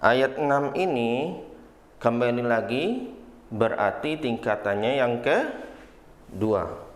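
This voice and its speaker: A man's voice: medium pitch, sing-song, slow. A man teaching Quran recitation to schoolchildren, patiently explaining each step and calling himself Ustadz. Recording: roomy echo.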